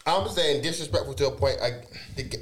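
A man's voice: a little high, quick pace, a bit bright, slight background noise. London roadman in an echoey room. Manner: London roadman slang and delivery. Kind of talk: casual chat. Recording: echoey, roomy sound.

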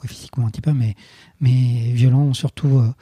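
Husky, deep-toned man. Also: steady tone, dark tone, dry recording. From Colombia. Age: 30s. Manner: halting, many restarts and fillers. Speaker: guest. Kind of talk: personal storytelling interview.

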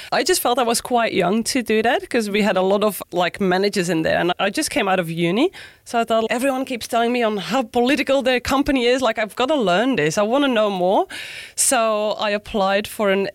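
An enthusiastic woman in her thirties from Belgium, chatting as a podcast guest in a middle pitch. She laughs easily, tags her sentences with "right?", and sounds close and dry, with no room around her voice. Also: a little fast, no echo. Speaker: podcast guest, business founder. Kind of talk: casual interview chat.

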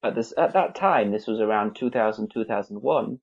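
A man in his forties from England, head of visuals at a newspaper, guests on an interview podcast in a low, expressive, fairly quick voice with a breathy edge. He talks conversationally with many restarts and fillers. The recording sounds muffled.

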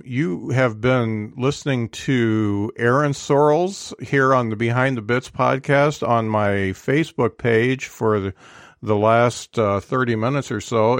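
A man's voice: medium pitch, dry recording, studio quality. A man in his fifties hosting a podcast, talking casually in a rambling, self-deprecating way with many fillers. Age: 50s. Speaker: podcast host. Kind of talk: casual interview chat.

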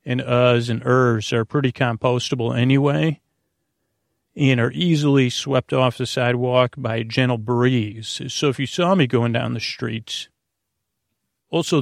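In a close, echo-free recording, a man with a mid-range, creaky voice full of vocal fry hosts a bedtime sleep podcast. He hesitates and stammers through a rambling monologue whose sentences trail off into tangents.

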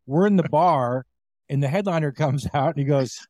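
A man's voice: on the high side, normal speed, darkish tone, dry recording, clean studio sound. A man who does comedy, telling a story in casual chat and acting out other people's lines. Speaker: comedian guest.

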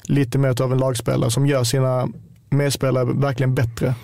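A man with a Scanian Swedish accent, a football player chatting casually on a podcast and speaking in a relaxed, hesitant way with many fillers. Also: medium pitch, gravelly, no room sound, studio quality.

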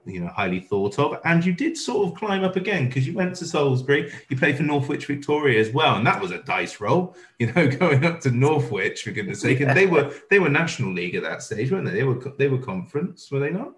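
A man hosting a casual interview chat in an encouraging way, often checking with tag questions, recorded with a roomy echo. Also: fairly low pitch. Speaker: interviewer, host. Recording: roomy, echoing sound.

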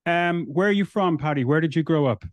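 A man's voice: a little high, a little fast, no room sound. A man hosting a podcast interview, friendly and grateful, asking long, winding questions. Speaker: podcast host.

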